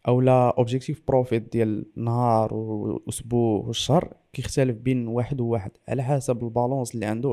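A man's voice: medium pitch, mellow. A man with a Moroccan Arabic accent, explaining as an interview guest and mixing in French and English loanwords.

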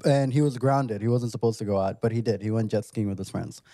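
A man co-hosting a podcast, telling a story in a casual, animated way. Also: lowish voice, fast, dry recording. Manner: animated storyteller who acts out other people's lines. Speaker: podcast co-host.

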